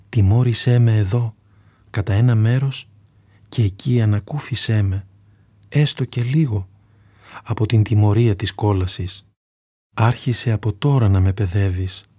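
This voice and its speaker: A man's voice: on the low side, mellow, dry recording, lightly acted. A man voicing an old monk who pleads with God in earnest repentance.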